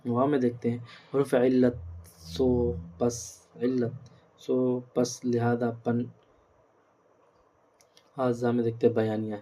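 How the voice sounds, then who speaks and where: A man's voice: medium pitch, dark tone. A man teaching an Urdu grammar lesson, explaining step by step and repeating terms and examples.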